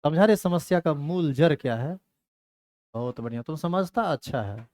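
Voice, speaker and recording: A man's voice: a little high, lively intonation, moderate pace, a little mellow. A man teaching a chemistry class, teasing and scolding his students. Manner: scolding, teasing students in a rustic Hindi dialect. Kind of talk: classroom lecture.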